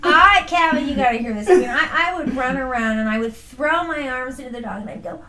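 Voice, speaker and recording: A woman being interviewed in a casual family conversation, talking in an animated, playful way with frequent laughter. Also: high voice, brisk. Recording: roomy recording with faint noise.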